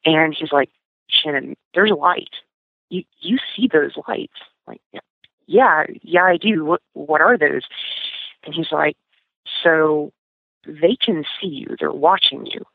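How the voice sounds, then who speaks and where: Slow and low-pitched with vocal fry, this woman recounts something that happened to her, chatting as a guest with lots of fillers and false starts. There's no echo; the sound is dry and tinny, like a phone line.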